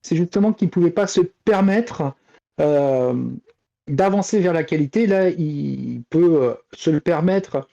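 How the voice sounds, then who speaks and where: On a podcast panel, a man explains things casually and haltingly, piecing his sentences together over a dull-sounding voice link. His voice is fairly high-pitched and gravelly, with a warm tone.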